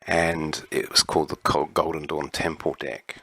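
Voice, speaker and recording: A man answering interview questions about his writing in a relaxed, measured way, often pausing with an um. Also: extremely low pitch, husky, no room sound. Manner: measured, explanatory, with frequent ums. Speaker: interview guest, writer on magic.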